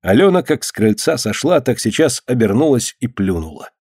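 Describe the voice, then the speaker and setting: A man reading scripted narration of a story in a steady, even storytelling manner. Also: medium pitch, moderate pace, slightly rough, no echo, clean studio sound. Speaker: audiobook reader.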